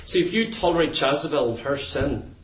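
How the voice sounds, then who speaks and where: A male pastor delivers a fervent, emphatic sermon, hammering points home through repetition. His voice sits high, and the sound is roomy and echoing, picked up from well back in the church. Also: animated, a little fast. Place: church sanctuary. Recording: echoey hall, distant mic.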